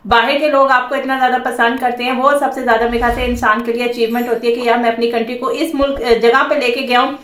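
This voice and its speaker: A woman's voice: a little high, level tone, quick pace, few pauses, a bit bright, far from the mic. A young woman from Pakistan co-hosting a reaction video, talking in a chatty, opinionated way. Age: young adult. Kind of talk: casual reaction commentary. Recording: echoey room, a bit off-mic.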